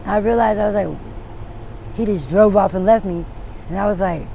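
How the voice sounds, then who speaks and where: Gravelly forty-something woman on a noisy street. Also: mid-range voice, takes it slowly, highs cut off. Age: 40s. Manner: rambling and frank, with many restarts and trailing thoughts. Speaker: interviewee. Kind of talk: candid street interview. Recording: noisy outdoor street recording with traffic.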